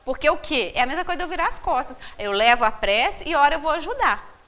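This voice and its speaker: A woman leading a book study group, animated and constantly checking in with her listeners through rhetorical questions. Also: high-pitched, fast. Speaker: spiritist study group leader.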